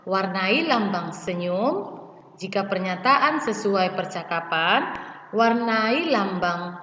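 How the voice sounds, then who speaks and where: A woman teacher talks her young pupils through a lesson at an unhurried, deliberate pace. Her voice carries a long, roomy reverb and sounds a little dull, with faint background noise. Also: mid-range voice, animated, fairly bright tone. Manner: slow, patient, addresses pupils as "Nak". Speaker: primary school teacher. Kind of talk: classroom lesson explanation. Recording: echoey room, slightly dull, faint noise.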